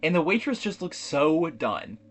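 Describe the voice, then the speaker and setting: A man's voice: fairly high pitch, big pitch swings, measured pace, fairly bright tone. Man recapping a movie, rambling. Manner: rambling plot recap with fillers and restarts. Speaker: podcast co-host. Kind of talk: casual movie recap chat.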